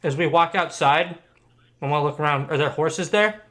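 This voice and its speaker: A man plays a tabletop game with an animated, chatty delivery, fond of "I'm like" asides. His voice sits a little high and sounds bright. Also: moderate pace. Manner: animated, laughing, frequent "I'm like" in-character asides. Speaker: player.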